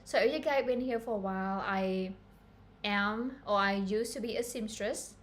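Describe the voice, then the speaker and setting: A woman's voice: mid-range voice, normal speed. A woman from Cambodia, giving a chatty, earnest live-stream tutorial on pattern making and talking straight to her viewers. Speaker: fashion pattern-making instructor.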